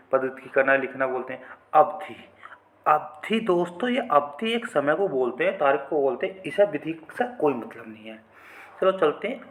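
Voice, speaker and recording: A man teaching an exam-prep vocabulary quiz in a chatty, repetitive way, often calling his viewers friends. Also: on the high side.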